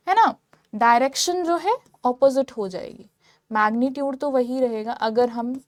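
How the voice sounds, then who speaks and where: A woman's voice: high-pitched, no echo, clean studio sound. A woman teaching physics in a lecture, explaining step by step and often checking that listeners follow. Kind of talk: whiteboard lecture in mixed Hindi and English.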